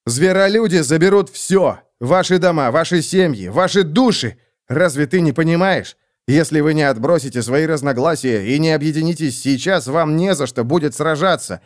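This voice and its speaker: A man's voice: on the high side, expressive, normal speed, no echo, clean studio sound, pitched above the performer's own voice, lightly acted. A man voicing an earnest young male adventurer pleading urgently with a crowd in an audiobook. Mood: impassioned.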